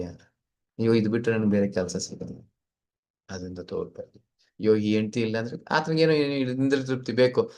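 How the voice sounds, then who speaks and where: Male teacher, middle pitch, story-led scripture class, keeps checking the listeners follow. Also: a little mellow. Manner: asks the listeners to confirm, acts out short dialogues in stories. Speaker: spiritual teacher. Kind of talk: Gita class lecture with stories.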